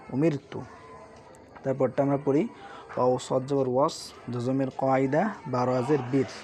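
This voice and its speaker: A man teaching Quran reading, spelling out syllables slowly and repeating each word, asking questions and answering them himself. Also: mid-range voice, dark tone. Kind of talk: spelled-out recitation lesson. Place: madrasa room with sounds nearby. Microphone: screen-recording setup.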